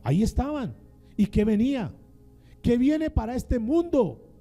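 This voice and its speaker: A man's voice: extremely high pitch, big pitch swings, a little slow, mellow, soft background music. A male pastor preaching a sermon in a dramatic style, calling on the congregation to repeat his words back to him. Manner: dramatic call-and-response preaching.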